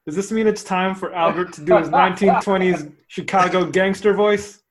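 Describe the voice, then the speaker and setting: A man with a high-pitched voice chimes in during relaxed podcast chat. His remarks are short and quick. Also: a little hiss or hum. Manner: brief interjections. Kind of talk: casual chat.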